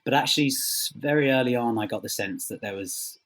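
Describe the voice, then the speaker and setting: Answering interview questions as a writer, a man speaks in a mid-range, fairly bright voice. He's thoughtful and hesitant, his halting sentences repeatedly rephrased and left trailing.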